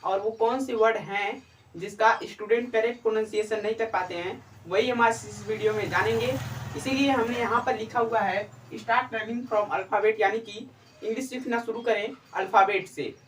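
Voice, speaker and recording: A woman's voice: on the high side, steady tone, moderate pace. A woman teaching in a lesson style, asking the class questions and then answering them herself. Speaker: English teacher. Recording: roomy, mic far from speaker.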